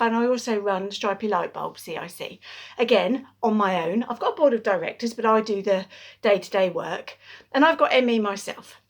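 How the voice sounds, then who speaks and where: A woman speaking earnestly to camera in an advocacy vlog, out of breath, pausing and restarting as she talks. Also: fairly high pitch. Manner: earnest, pauses and restarts mid-sentence. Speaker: awareness campaigner.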